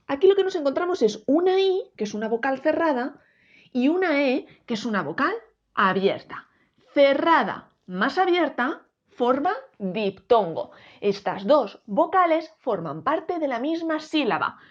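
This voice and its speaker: A woman teaching a grammar lesson, explaining slowly and clearly, splitting words into syllables and speaking straight to viewers. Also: high-pitched, sing-song, lo-fi sound. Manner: addresses viewers directly, asks rhetorical questions.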